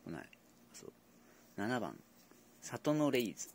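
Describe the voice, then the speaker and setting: Chatting casually with his pet dogs at home, this vlogger predicts a horse race in a playful, coaxing way. His medium-pitched voice is very animated yet a little mellow, with a measured pace, and there's slight background noise.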